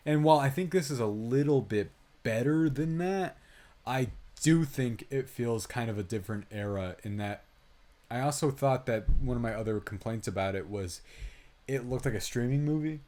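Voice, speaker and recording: Medium in pitch and dark in tone, this man talks at a moderate pace while co-hosting a podcast. As a film reviewer, he gives rambling, opinionated takes in a casual movie chat.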